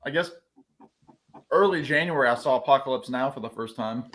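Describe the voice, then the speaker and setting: A man's voice: mid-range voice, fairly quick, a bit bright. A man in a casual chat who talks in an easygoing way with hesitant restarts.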